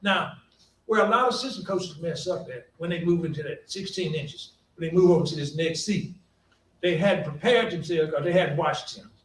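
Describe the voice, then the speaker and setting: An older man tells folksy coaching stories on a panel, putting on the voices of other people. His voice sits fairly high for a man. He is recorded from across an echoey conference hall with a faint hum behind him. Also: normal speed, distant mic. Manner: folksy, animated anecdotes with quoted voices and laughter. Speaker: college basketball coach, panel speaker.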